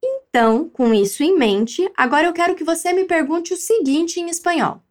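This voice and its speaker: A lively woman with a high voice teaches Spanish in a lesson built on drills. She is encouraging and models phrases slowly so learners can repeat them.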